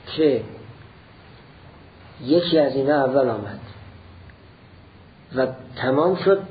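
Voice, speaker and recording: A man gives a slow, deliberate lecture on a classical text, building each point step by step and repeating it. The recording is dull and lo-fi. A faint ambience sits behind his medium-pitched voice. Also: a little hiss or hum. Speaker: teacher of philosophy.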